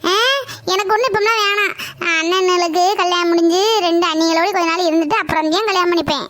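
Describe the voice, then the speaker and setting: A woman's voice: extremely high pitch, fairly even intonation, fast, dry recording. A woman voicing a stubborn, teasing young woman. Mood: defiant. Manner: sharp rural Tamil banter.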